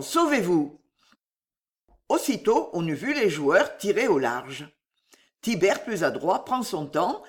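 Expressive storybook narrator, lively pitch. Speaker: audiobook narrator.

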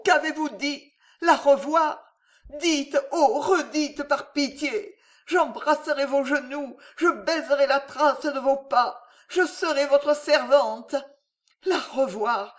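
A reader voicing a desperate mother who begs and cries out in a high, shrill voice. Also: takes it slowly. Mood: frantic pleading. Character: desperate mother, frantic and pleading.

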